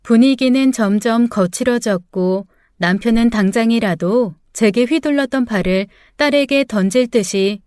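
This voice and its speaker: An older woman narrating a first-person story in a measured, sorrowful way. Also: a little high, darkish tone, clear, resonant tone, dry recording, studio quality.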